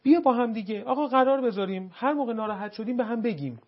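A man's voice: very high voice, animated, highs cut off. A male host who talks politely, thinking aloud and giving examples as he talks with a guest. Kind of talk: conversational interview.

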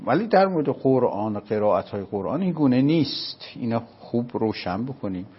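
A man from Isfahan with an Isfahani accent, explaining a religious topic step by step and often asking whether it is clear. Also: medium pitch, big pitch swings, lo-fi sound. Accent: Isfahani Persian. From Isfahan, Iran. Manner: patient, explaining step by step with checking questions. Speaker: religious scholar. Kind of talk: explanatory lecture in conversation.

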